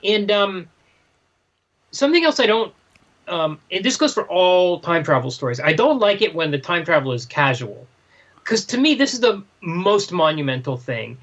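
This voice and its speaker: On a casual podcast about a graphic novel, a male co-host thinks aloud in broken, questioning phrases. His voice sits high and sing-song at a moderate pace, a bit bright, though the audio is dull.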